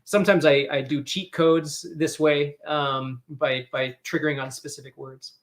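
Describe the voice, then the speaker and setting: Man with a slightly high voice explaining. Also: steady tone, normal speed. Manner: explains plainly, restarts sentences. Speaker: artist on the dev team. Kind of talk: casual explanatory talk.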